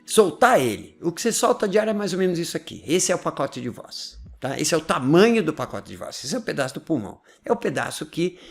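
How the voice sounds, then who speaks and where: A man's voice: on the high side, gravelly. A man, hosting a casual explanatory talk. He is chatty, laughs often, and keeps checking in with his listeners. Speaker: host explaining language learning.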